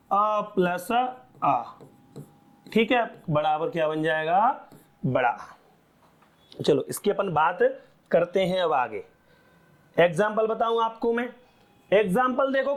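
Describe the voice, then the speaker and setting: A man with a high, light voice teaches a class at an unhurried, deliberate pace. He keeps quizzing his students with quick questions and then answers them himself, repeating each key point. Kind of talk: classroom lecture.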